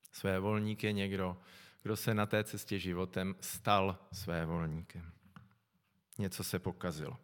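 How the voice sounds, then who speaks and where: A middle-aged man preaching a sermon, calm and reflective, often pausing to think aloud. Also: fairly low pitch. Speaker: pastor. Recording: long echo from a large hall.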